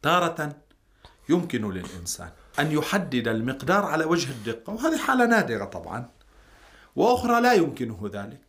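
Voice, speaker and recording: Fast-talking male cleric explaining in formal Arabic. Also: fairly high pitch, very animated, a bit bright. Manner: explanatory, repeats key points. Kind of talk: religious question-and-answer in formal Arabic.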